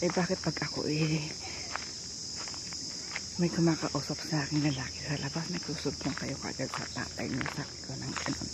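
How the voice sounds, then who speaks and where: A woman's voice: low-pitched, fairly even intonation, moderate pace. A woman vlogging casually on a handheld phone, chatting, laughing often and pointing things out as she walks. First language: Tagalog. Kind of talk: casual walking vlog. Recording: loud outdoor night noise with crickets.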